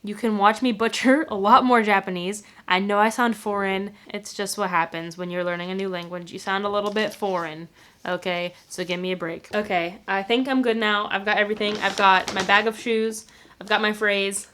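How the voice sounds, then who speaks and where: With a little hiss or hum in the audio, a young woman vlogs in a steady, slightly bright mid-range voice at a moderate pace. She talks to her camera at arm's length, recorded by its on-board mic at home and then in a parked car, in a chatty, somewhat self-conscious way with plenty of fillers.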